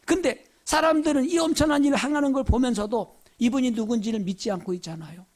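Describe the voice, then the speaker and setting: A man's voice: very high-pitched, fast talker. A man preaching a sermon as pastor, telling stories with many rhetorical questions. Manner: animated storytelling, rhetorical questions.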